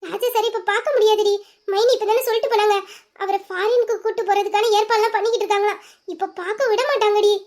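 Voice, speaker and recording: A woman voicing a young female friend who gently reasons with and soothes a crying girl in an audio drama. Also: extremely high pitch, fairly even intonation, fast. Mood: consoling.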